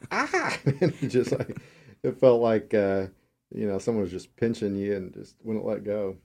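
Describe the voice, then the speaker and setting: A man co-hosting a radio call-in style show, talking in a relaxed, unhurried chat. His voice sits fairly low and sounds dark and mellow. He chuckles easily and explains things at length. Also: gravelly. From Texas.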